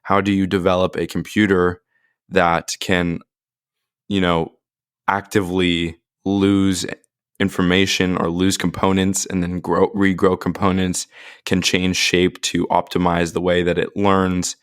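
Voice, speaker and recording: A man's voice: sits low, level tone, a little slow, clear, resonant tone, dry recording, clean studio sound. A man co-hosting a casual podcast discussion, thinking aloud with a lot of filler "like"s. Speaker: podcast co-host.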